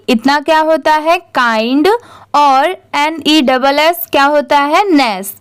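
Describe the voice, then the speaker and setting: A woman's voice: high voice, fairly bright tone. A woman teaching English reading, spelling words letter by letter and answering her own questions. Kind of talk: slow spelling-out lesson.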